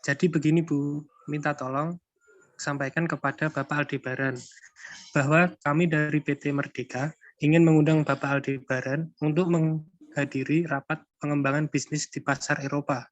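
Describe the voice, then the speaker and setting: A man's voice: a little high, little pitch movement, normal speed, no room sound, lo-fi sound, lightly acted. A man playing a polite, businesslike caller who leaves a formal message in a scripted phone role-play.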